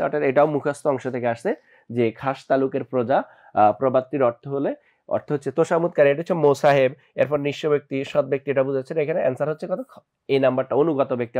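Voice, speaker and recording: A young man with a Bangladeshi Bengali accent walks students through exam questions one at a time. His voice sits a little high for a man. He keeps pausing to ask his students rhetorical check questions. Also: darkish tone. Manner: explains step by step, often asks the students rhetorical check questions. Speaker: admission coaching teacher. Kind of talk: exam question walkthrough lesson.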